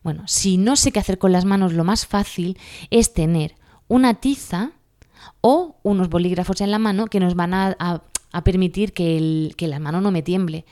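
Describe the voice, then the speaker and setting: A woman's voice: on the low side, moderate pace, mellow. A woman with a Spanish accent from Spain, giving a casual spoken lesson with exam advice. She is chatty, laughs at herself and keeps asking her listeners if they follow. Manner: chatty, laughs at herself, asks "¿vale?" often.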